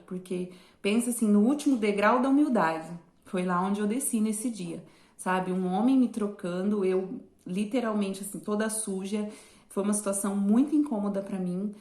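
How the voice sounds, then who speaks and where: A woman's voice: medium pitch, dark tone. A Brazilian woman telling her viewers a personal story in a chatty way. She keeps turning to her audience and trails off into fillers. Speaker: vlogger. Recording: roomy echo.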